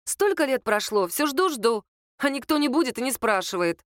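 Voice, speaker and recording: A woman's voice: high voice, big pitch swings, normal speed, no echo, clean studio sound, voice pushed up. A woman reading a gloomy, self-pitying young woman student who complains sulkily and sarcastically in an audiobook. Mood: sarcastic.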